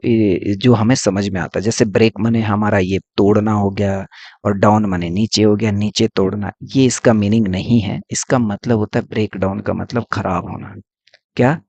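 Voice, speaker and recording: A man teaching English vocabulary in a casual lesson, explaining slowly and asking then answering his own questions. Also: lowish voice, fairly even intonation, darkish tone, no echo, highs cut off.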